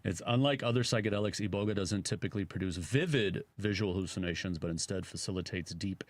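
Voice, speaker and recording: A man's voice: low-pitched, quick pace, dry recording. A man with a Chicago accent, co-hosting a radio talk show and chatting casually in a rambling way, full of fillers. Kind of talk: casual chat.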